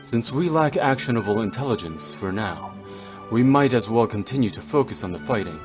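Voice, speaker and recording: Over background music, a man with a medium-pitched, animated voice, a little fast and lightly acted, voices a stoic, cold, brooding video game warrior. The delivery is solemn, formal and terse, with a grim, calculating mood, typical of dramatic game voice acting.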